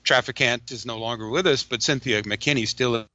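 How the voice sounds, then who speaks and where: A man from the United States speaks as a call-in guest over a phone line that glitches and keeps breaking up. His sound is dull and lo-fi, yet his tone is bright. He talks haltingly and restarts his phrases as he goes. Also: medium pitch. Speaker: guest caller. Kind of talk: call-in interview.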